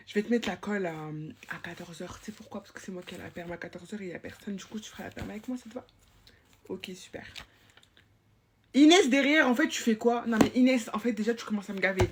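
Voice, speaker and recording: A woman's voice: on the low side, noisy background, close to an everyday voice. A woman playing a chatty, bossy young school supervisor in a comic POV sketch, rambling and teasing in slang.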